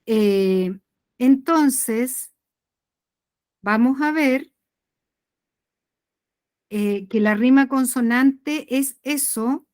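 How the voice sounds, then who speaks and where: A woman's voice: high voice, drawn-out words, pauses often, darkish tone, no room sound. A woman teacher giving an online poetry lesson, explaining patiently, asking the class questions and often checking that they follow.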